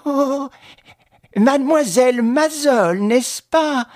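A scheming middle-aged woman with a husky, breathy tone, as a male reader puts her on, her voice pitched far up and swinging widely between syrupy flattery and flat callousness. Storybook villainy, spoken close to the mic in a dry, unechoing space. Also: normal speed, dry recording. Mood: falsely sweet. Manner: honeyed, ingratiating, then flatly callous. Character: scheming middle-aged woman, falsely sweet then cold.

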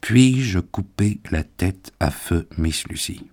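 A man's voice: deep voice, lively intonation, a little mellow, heavily acted. Van Helsing, a man voicing a grave old professor. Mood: solemn. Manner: solemn, measured pleading. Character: elderly male professor, grave and patient.

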